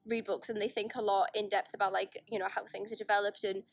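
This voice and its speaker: A woman's voice: medium pitch, level tone, fast, no room sound. A young woman chatting casually in a holiday vlog filmed on the phone in her hand, rambling and self-deprecating with frequent restarts. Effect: phone video recording. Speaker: vlogger. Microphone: phone held in hand.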